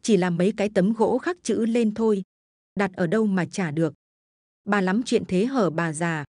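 A woman's voice: mid-range voice, moderate pace, darkish tone, no room sound, studio quality, lightly acted. A woman voicing a crude, greedy middle-aged village man, sneering and mocking.

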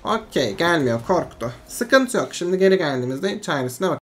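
A game streamer giving casual, excitable commentary over their own match, swinging between frustration and hype and talking themselves back to calm. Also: medium pitch, moderate pace, faint music behind. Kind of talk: live gameplay commentary.

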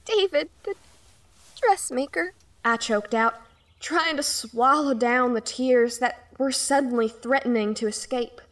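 A woman's voice: high voice, a little slow, fairly bright tone. A woman voicing a young girl who narrates her own story in an audio drama, emotional and close to tears. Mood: tearful. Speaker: lead character and first-person narrator.

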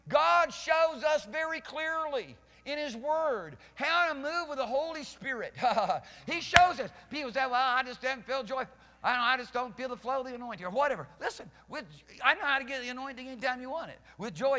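A very high, pushed, bright voice with lively intonation drives this brisk sermon. The speaker, a pastor in his fifties, preaches fervently and emphatically to a live congregation, pacing and gesturing on a church hall stage with band gear while wearing a headset mic. Long hall reverb surrounds him.

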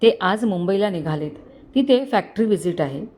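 A woman voicing an affectionate older mother-in-law in a storybook, gentle and sorrowful. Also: mid-range voice, animated, normal speed, a little hiss or hum, close to an everyday voice. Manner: affectionate, warm-hearted. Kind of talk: storybook dialogue.

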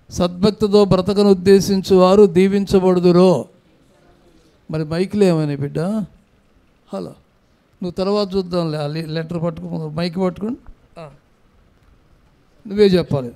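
A man's voice: sits high, creaky, dark tone, clean tone. A man preaching a sermon as pastor, with an Andhra Telugu accent, urging the congregation to answer aloud into a microphone in a church. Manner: exhorting congregation to respond aloud.

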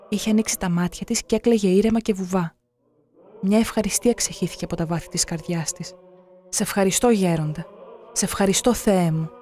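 A narrator reading scripted documentary passages in a measured, solemn way. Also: mid-range voice, warm tone.

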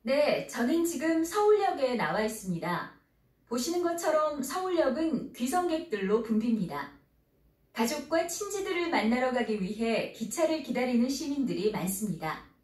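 A woman reading scripted Korean textbook dialogue and a news report, with a fast announcer delivery. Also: sits high, sing-song, a little mellow. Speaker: recorded textbook audio speaker. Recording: roomy audio played back from a distance.

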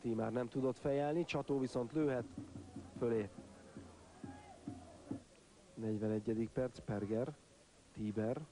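Against the noise of a stadium football crowd, a man commentates on a match in clipped phrases, naming players and lifting his voice when chances come. His mid-range voice has a dark tone and fairly even intonation, and he pauses often.

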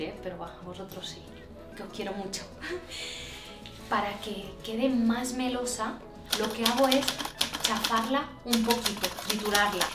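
A woman with a Spanish accent from Spain, chatting excitably to viewers while cooking in her kitchen. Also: on the high side, far from the mic. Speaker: cooking vlogger. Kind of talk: casual cooking demonstration. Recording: echoey kitchen with music behind.

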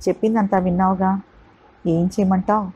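A woman voicing a shy, thoughtful young woman weighing a marriage proposal, hesitant and husky. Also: medium pitch, flat delivery, moderate pace, a little mellow, muffled recording, close to an everyday voice.

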